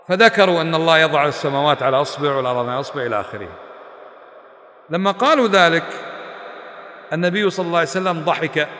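Man, religious teacher, high voice, fast talk, rhetorical questions, echoey hall. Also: fairly bright tone. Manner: rhetorical questions put to the class; emphatic, quizzing listeners. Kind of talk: religious lesson to a class.

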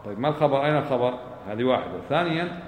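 A man's voice: medium pitch, animated, rapid-fire, roomy sound, slight background noise, low-quality recording. A man teaching a religious lesson, explaining rulings by asking questions and answering them himself. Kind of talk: classroom lesson on prayer rulings.

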